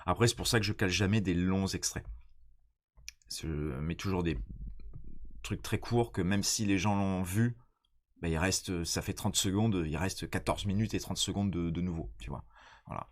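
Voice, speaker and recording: A man with a stuffy, nasal voice from a cold, chatting casually and explaining things in a halting, slangy way. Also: deep voice. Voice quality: congested, nasal. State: blocked nose from a cold. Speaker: stand-up comedian.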